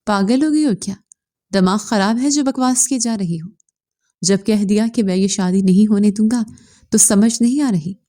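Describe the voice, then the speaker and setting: A woman reading the part of a young man in a storybook romance, firm and stern as he scolds. The voice is mellow and warm. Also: medium pitch, unhurried, lightly acted. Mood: firm, worried. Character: young man, anxious lover, stern then tender.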